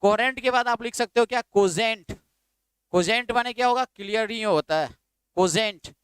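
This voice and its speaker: A man leads a vocabulary lesson, drilling terms again and again. His voice sits high for a man and sounds clean and crisp. The recording is dry and close, with no room echo. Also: normal speed, fairly bright tone. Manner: repetitive, drilling, asks students to write words down. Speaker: English vocabulary teacher. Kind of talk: classroom lecture in Hindi with English terms.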